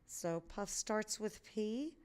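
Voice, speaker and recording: A woman math teacher narrates a screencast lesson, walking through each step patiently. Her voice sits at an ordinary middle pitch, and she keeps things light with playful memory tricks. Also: expressive, slow pace, darkish tone, clean tone.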